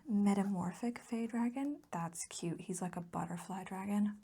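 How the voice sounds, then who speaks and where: The host of a hobby ASMR channel chats softly at a normal speed, often slipping into a breathy whisper as she rambles affectionately and gushes about the things she likes. Her voice mixes soft, breathy whispering with a low, voiced murmur, recorded as a close-mic voice-over.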